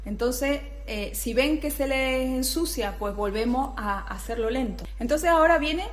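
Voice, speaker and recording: A woman's voice: sits high, measured pace. A young woman teaching flute phrasing, explaining patiently and often checking that her students follow. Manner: scat-sings rhythms between phrases. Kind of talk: music tutorial.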